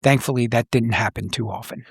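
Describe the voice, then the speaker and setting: This podcast host, a middle-aged man and ex-cop, reflects on his own experiences in a serious, plain-spoken conversational way. He talks a little fast at medium pitch, with vocal fry and a slightly rough edge. The recording is dry and studio quality.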